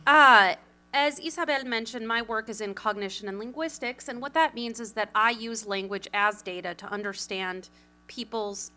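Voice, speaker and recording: Bright, brisk woman presenting at a conference. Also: on the high side. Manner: fast, animated, self-deprecating asides. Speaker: communications consultant, panel speaker.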